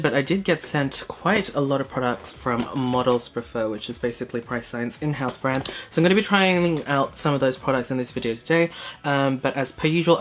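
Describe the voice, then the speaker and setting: Chatty young man doing his makeup. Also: medium pitch. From Hong Kong. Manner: chatty, many "um"s, narrating his makeup steps. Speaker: beauty vlogger. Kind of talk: casual get-ready-with-me chat. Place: small indoor room, plain backdrop.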